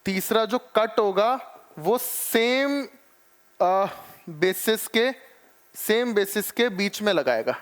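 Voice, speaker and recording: A man with a raised, high-pitched teaching voice delivers an exam-prep biology lecture. He explains step by step, addresses the students as children, and keeps checking that they follow. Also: lively intonation, takes it slowly, clean tone. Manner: calls students "children" and "beta ji".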